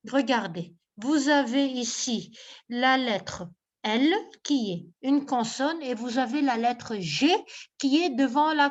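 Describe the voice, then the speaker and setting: Woman teacher with a high voice, slow and patient, on dull video-call audio. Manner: slow, patient, repeats "ok?" after each point. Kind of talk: online class lesson.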